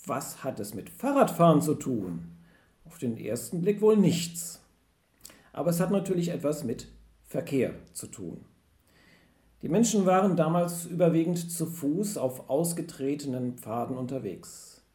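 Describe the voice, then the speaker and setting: A man's voice: on the high side, lively intonation, unhurried, darkish tone. A man giving a sermon, explaining with varied emphasis. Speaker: preacher. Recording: roomy echo.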